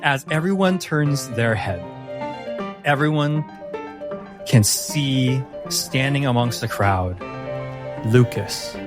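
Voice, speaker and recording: A man's voice: medium pitch, animated, over music. A man narrating a tabletop fantasy game as game master. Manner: slow, descriptive.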